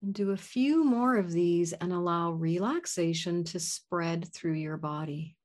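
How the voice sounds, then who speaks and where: Slow, soft-spoken woman guiding meditation. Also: on the low side. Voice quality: soft and soothing. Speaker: meditation guide. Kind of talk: guided meditation.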